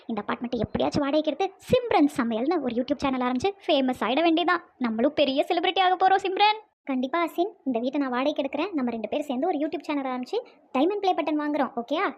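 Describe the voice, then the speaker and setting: A woman's voice: high-pitched, animated, fast, a little mellow. A woman voicing a flustered, thrifty housewife in a cartoon, exclaiming and scolding. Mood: eager.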